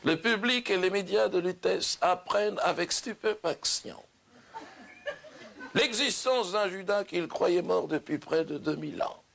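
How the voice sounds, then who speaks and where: A man playing Judas as a solemn, self-important prophet, proclaiming slowly and grandly in a mock-solemn stage monologue. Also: sits high, vocal fry, fairly bright tone, roomy sound, heavily acted. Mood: grandiose.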